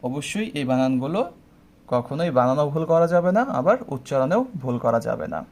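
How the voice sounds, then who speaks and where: A man's voice: medium pitch, lively intonation, brisk, darkish tone. A young man teaching pronunciation rules step by step, often checking in with his students. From Bangladesh. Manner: explains step by step, often asking "ঠিক আছে?". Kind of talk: online admission-test pronunciation lesson.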